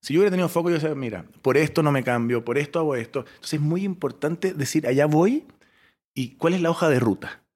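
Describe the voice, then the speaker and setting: A man from Chile, a startup founder in his forties, telling stories as an interview guest with an expressive delivery that swings between loud bursts and soft asides. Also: on the high side, fast talker. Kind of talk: animated storytelling interview.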